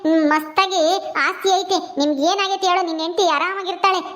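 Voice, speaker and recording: A woman's voice: very high-pitched, steady tone, fairly quick, a bit bright. A woman voicing an older village aunt who scolds and coaxes her relatives. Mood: coaxing. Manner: scolding, coaxing.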